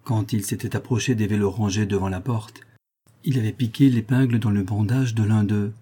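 A man narrating a novel in a measured, even storytelling manner. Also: on the low side, breathy edge. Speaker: audiobook narrator.

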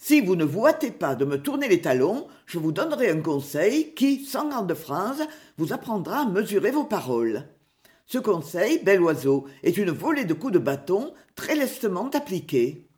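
A woman's voice: on the low side, big pitch swings, moderate pace, darkish tone. A woman voicing a boastful young stranger in the forest who speaks in a defiant, mocking way.

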